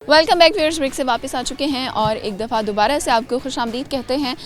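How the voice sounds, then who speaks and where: Higher-pitched woman host, teasing questions. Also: normal speed. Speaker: street interviewer and show host. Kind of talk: casual on-camera interview.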